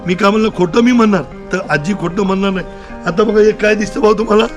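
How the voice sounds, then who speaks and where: A man's voice: high voice, quick pace. A man doing street magic patter outdoors, chatty and showy, coaxing and joking with the onlookers. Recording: loud background music over outdoor audio. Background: loud music.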